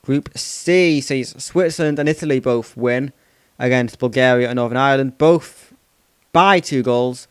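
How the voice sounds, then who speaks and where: A man who hosts a football channel runs through a casual recap of results, his medium-pitched voice a little slow and clean, with no echo. He rambles, keeps saying "of course," and often stops to correct himself.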